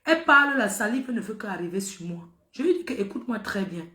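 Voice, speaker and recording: A woman's voice: medium pitch, expressive, fairly quick, pushed and bright, reverberant. A middle-aged woman telling a story to her viewers in a casual, emphatic way, repeating phrases for effect. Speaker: social media personality.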